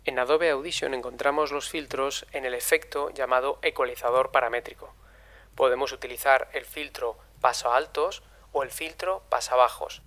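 A man reading a steady demo sentence, heard through a high-pass filter that strips out the bass and leaves a thin voice. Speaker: audio editing teacher. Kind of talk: read-aloud demo sentence. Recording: thin filtered sample played back.

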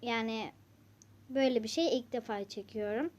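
A woman's voice: fairly high pitch, moderate pace, a little mellow. A woman vlogger narrating a game casually and chatting directly to her viewers. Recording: dull lo-fi recording.

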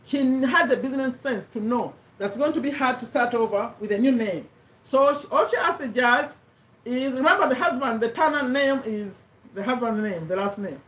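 A middle-aged woman from Uganda, English not her first language, giving an animated motivational talk and repeating her points for emphasis. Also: fairly high pitch, normal speed, recorded from a distance. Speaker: host of a live business talk. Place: home room with a bookshelf, indoors. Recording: echoey room, voice a little off-mic.

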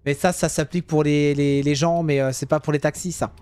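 A young man giving casual, jokey commentary while playing a driving game, now and then yelling at other drivers. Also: a little high, steady tone, brisk, smooth, faint music behind. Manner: chatty, jokey, swings to loud yelling at drivers. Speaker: gaming youtuber.

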